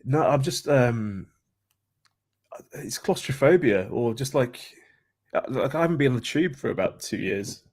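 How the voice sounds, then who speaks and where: A man's voice: mid-range voice, lively intonation, measured pace, pauses often, a little mellow. A man, chatting casually as a guest and often restarting his sentences. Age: 20s. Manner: hesitant, many restarts and fillers. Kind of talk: casual chat.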